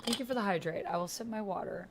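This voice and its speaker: Talking fast with vocal fry and a medium pitch, a woman hosts a text-based roleplaying game against a noisy background. She's casual, expressive and slangy, playing along as the roleplay is typed out.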